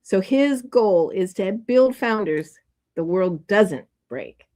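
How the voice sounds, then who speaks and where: A woman's voice: mid-range voice, lively intonation, slow pace. A woman hosting a live session, enthusiastically introducing the guest speaker. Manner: enthusiastic, warm praise. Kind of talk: event introduction.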